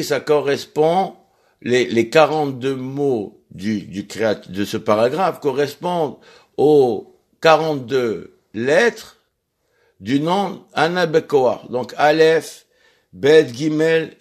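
Halting French-speaking man teaching prayer. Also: mid-range voice, darkish tone. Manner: halting, repeats words while searching; spells out Hebrew letters and prayer words. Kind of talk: religious lesson.

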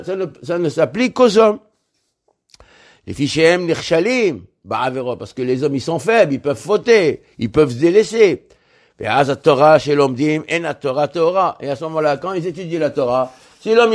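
A man teaching a Torah lesson, reading passages aloud and explaining them with halting restarts. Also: sits high. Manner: halting, repeats words while explaining.

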